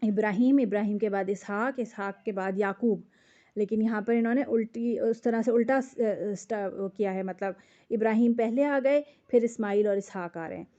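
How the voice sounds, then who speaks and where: A woman's voice: medium pitch, dark tone, muffled recording. A woman, teaching a word-by-word translation lesson, patiently explaining each word and checking that her students follow.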